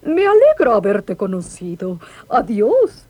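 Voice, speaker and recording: A scheming storybook wolf, voiced by a woman reader, coaxing and drawn-out as he speaks. The voice is husky and dark, and it swoops widely in pitch. The sound is dry and close. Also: huge pitch swings, no echo, heavily acted. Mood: sly. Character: sly hungry male wolf, sweet-talking and scheming. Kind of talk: storybook read-along voice acting.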